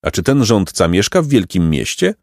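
A man's voice: on the low side, sing-song, moderate pace, a little mellow, dry recording, clean studio sound. A man voicing two curious young boys on a journey, who keep asking plain questions, in a storybook reading.

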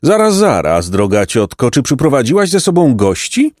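A man's voice: on the low side, very animated, measured pace, no room sound, clean studio sound. A man doing a screeching, neighing monster. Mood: fawning. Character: huge fawning monster turned menacing, male.

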